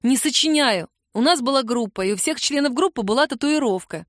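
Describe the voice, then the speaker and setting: A woman's voice: sits high, lively intonation, fairly quick, dry recording, clean studio sound. A woman reader voicing a guarded young woman who answers in curt, clipped lines.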